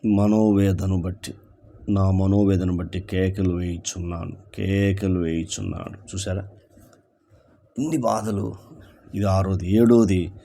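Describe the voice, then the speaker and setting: A man with a Telugu accent, a pastor preaching an evening sermon, reading scripture slowly and emphatically and repeating phrases. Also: deep voice, mellow.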